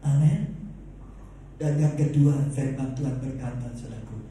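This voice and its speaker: A middle-aged male pastor, preaching with passion and rising to shouts, often repeating a fond address to the congregation. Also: mid-range voice, steady tone, normal speed, a little hiss or hum. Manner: impassioned, rises to shouts, repeats "saudaraku". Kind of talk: sermon. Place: church hall. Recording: echoey hall, heard from a distance.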